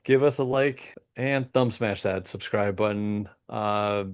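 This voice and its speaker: A middle-aged man co-hosting a podcast in casual, jokey banter, a bit sleepy and quick to poke fun at himself. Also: on the low side, clear, resonant tone. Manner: jokey, self-deprecating, laughs often. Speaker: podcast co-host.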